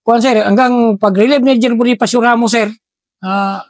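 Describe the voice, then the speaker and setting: A middle-aged man, a former special forces soldier telling war stories in an interview, deferential and halting, saying "sir" after nearly every phrase. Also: very high-pitched, steady tone, dry recording. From Philippines. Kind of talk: casual interview storytelling.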